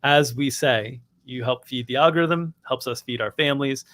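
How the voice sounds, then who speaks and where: A man's voice: medium pitch, normal speed, fairly bright tone. A man hosting a live sports betting stream, upbeat and practiced as he reads sponsor plugs. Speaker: host.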